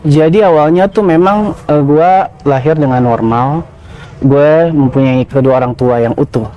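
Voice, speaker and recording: A man's voice: a little high, normal speed, lo-fi sound. A man, a podcast guest telling his personal story in casual, slangy, confessional talk. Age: 30s.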